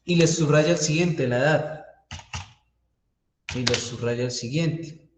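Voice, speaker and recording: A man with a fairly high voice gives a live coding lecture for a university database class, walking students through code step by step and checking in with them often. He speaks slowly in an echoey room with background noise and faint keyboard typing.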